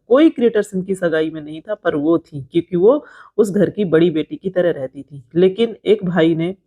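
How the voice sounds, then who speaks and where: In a lowish, dark-toned voice, a woman with an Indian accent talks informally in a vlog about creator drama and gossip. She explains things to viewers conversationally and repeats phrases for emphasis.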